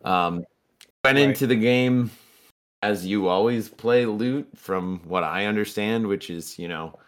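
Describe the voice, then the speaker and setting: A man's voice: fairly low pitch, measured pace. A man on a podcast, methodically recapping his tabletop games in detail. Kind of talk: casual chat.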